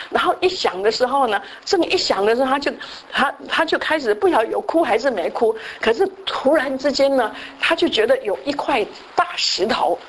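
Woman preaching, slightly high voice. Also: slight background noise, low-quality recording. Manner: storytelling, mixes in English words; frequent "好" fillers and restarts. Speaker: church speaker. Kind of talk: sermon with a told story.

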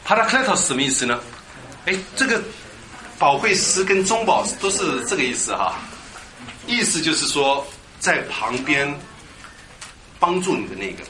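A man preaching a lively Bible teaching sermon, quizzing his congregation and drilling them on Greek words. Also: a little high, normal speed, pauses often. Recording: echoey hall with background noise.

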